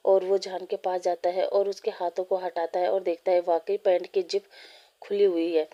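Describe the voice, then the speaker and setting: A woman reading a fan story aloud, in a steady, plain way with small slips. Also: on the low side, moderate pace, highs cut off.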